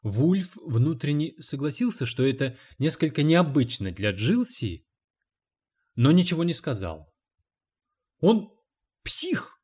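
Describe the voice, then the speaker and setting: Man reading a novel aloud, mid-pitched. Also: animated, measured pace, a little mellow. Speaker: audiobook narrator. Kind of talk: scripted narration.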